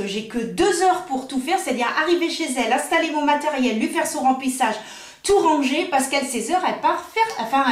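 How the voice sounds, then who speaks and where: A French woman and nail technician chatting casually while unboxing, thinking aloud with many fillers. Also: high voice. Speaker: nail technician and makeup artist. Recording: roomy echo.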